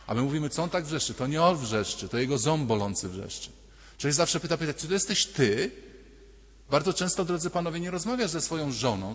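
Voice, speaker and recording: A man preaching a sermon at mass as a priest, talking directly to the congregation with anecdotes and questions. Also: a little high. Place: church. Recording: church with long reverb.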